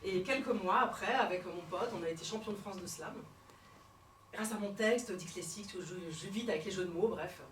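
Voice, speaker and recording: A woman comedian performing a one-woman stage show, telling her story theatrically and swinging between hushed and shouted lines. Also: mid-range voice, a little fast, slight background noise. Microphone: fixed camera from the hall. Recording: roomy hall sound from far off.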